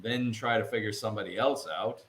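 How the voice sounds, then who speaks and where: A man co-hosting a podcast in a casual chat, animated and full of joking asides. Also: on the low side, a little fast, a little hiss or hum. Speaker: podcast co-host.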